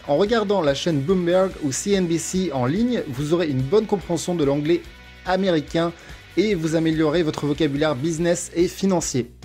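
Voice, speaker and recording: Man from France, test-prep teacher, slightly high voice, methodical scripted delivery, faint music bed. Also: a little mellow. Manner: clear, methodical list-reading delivery. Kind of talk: scripted explainer narration.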